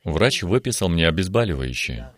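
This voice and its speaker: Man in his eighties, very low voice, slow and earnest, religious testimony, TV studio guest. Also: sing-song, a bit bright. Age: 80s. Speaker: guest giving a healing testimony. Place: television studio.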